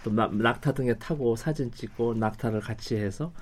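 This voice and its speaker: An older man from South Korea, in his sixties or above, speaking as a radio interview guest in a halting, rambling way. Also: medium pitch. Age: 60s or older. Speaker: studio guest, company head.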